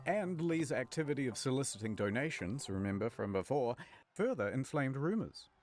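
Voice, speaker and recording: A man's voice: medium pitch, very animated, moderate pace, darkish tone. A man narrating a scripted documentary story in a wry storytelling manner.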